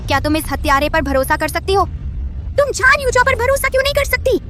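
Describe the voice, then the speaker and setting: A woman's voice: very high-pitched, sing-song, fairly quick, a bit bright, full character voice. A woman voicing a grieving young woman who accuses a killer in a dubbed drama. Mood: accusing. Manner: frantic, accusing.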